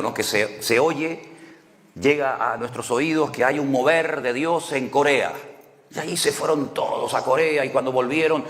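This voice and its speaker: A pastor from the Canary Islands preaches in Canarian Spanish in a large hall. His voice is medium-pitched and fairly bright, and he tells stories conversationally, often posing rhetorical questions.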